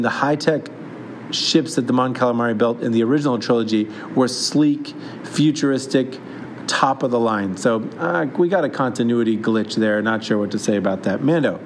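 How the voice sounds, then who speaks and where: A man's voice: mid-range voice, a little hiss or hum. A man hosting a comedic TV review, talking in a wry way with sarcastic asides. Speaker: host reviewing a TV series.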